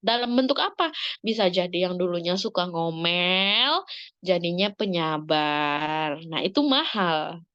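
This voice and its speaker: A woman speaking to parents in an Islamic study talk, lively and expressive, acting out examples with sudden rises in pitch. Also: a little slow, clean tone, dry recording, dull audio. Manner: lively, dramatic shifts in pitch, acts out examples.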